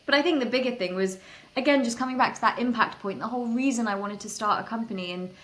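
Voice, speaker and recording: A woman's voice: on the high side, fast talker. Young woman telling a candid founder story. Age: young adult. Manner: animated, candid, self-deprecating, frequent restarts. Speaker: startup founder, interview guest. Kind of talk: conversational storytelling interview.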